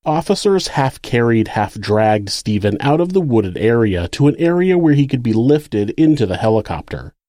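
A man's voice: medium pitch, big pitch swings, moderate pace, few pauses, warm tone, no room sound, studio quality. A man with an American accent reading scripted true crime narration as the narrator of the case.

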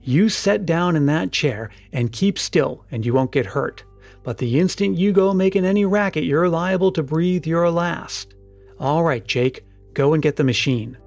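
A man voicing a burly male kidnapper who gives slow, menacing orders in a storybook reading. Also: on the high side, gravelly, soft background music.

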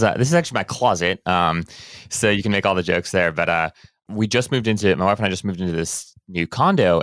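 A man in his thirties from Hawaii, a guest chatting casually and relaxed, talking from a small closet home studio. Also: deep voice, no echo. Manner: relaxed, chatty, many fillers and restarts. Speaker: guest, business owner. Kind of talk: casual conversational interview.

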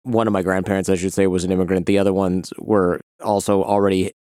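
A man from Detroit hosting an interview, chatting in a relaxed, reflective way. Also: sits low, fast, clean tone, dry recording, studio quality. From Detroit, Michigan. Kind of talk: casual interview chat.

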